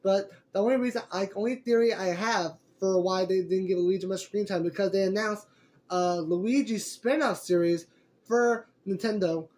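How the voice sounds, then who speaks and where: Young guy with a pretty high voice, chatty rambly review, lots of "like" and "so yeah". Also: normal speed, a little mellow. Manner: rambling, many fillers and restarts. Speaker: movie reviewer. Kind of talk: casual spoken review.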